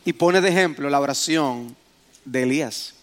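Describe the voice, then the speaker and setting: A man preaching a sermon to his congregation, asking them questions and rising to loud, dramatic exclamations. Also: mid-range voice, moderate pace.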